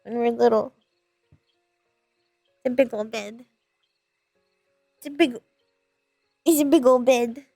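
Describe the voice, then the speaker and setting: Playful gamer girl streaming rp, high cutesy childlike talk, slow, repeats herself, bit of music behind. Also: creaky, warm tone, no echo. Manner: playful, childlike, repetitive baby-talk phrasing. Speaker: streamer role-playing in a virtual world. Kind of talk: playful gamer chat, in-character role-play.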